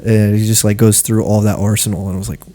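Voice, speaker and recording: A man's voice: lowish voice, little pitch movement, fast talker, mellow. A young man co-hosting a casual podcast chat, laughing easily, saying dude a lot and acting out what people said. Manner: laughing storyteller, says dude a lot, acts out quotes. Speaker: podcast co-host.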